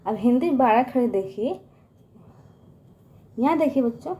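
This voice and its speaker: A woman teaching young children in a coaxing voice, often addressing them and slowly stretching out each syllable as she sounds it. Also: on the high side, expressive, mellow. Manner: coaxing, repeats "ठीक है" and "बच्चों" often. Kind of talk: children's lesson.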